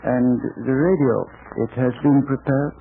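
An actor playing a calm, courteous Chinese generalissimo in a 1940s radio drama, speaking formally and with measured care. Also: male voice, mid-range voice, natural voice. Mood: calm, commanding. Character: calm, courteous, dignified older male Chinese army leader. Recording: scratchy, narrow-band old radio recording.

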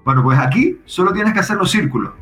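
A man casually explaining how his software works, thinking aloud with frequent restarts. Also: sits high, lively intonation, fast talker, roomy sound, faint music behind. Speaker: software developer guest.

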